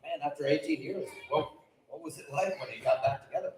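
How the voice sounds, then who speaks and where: A man with a high-pitched voice hosts a variety show on stage. His talk is casual and conversational. The sound is heavily reverberant, as in a live hall. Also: a little fast.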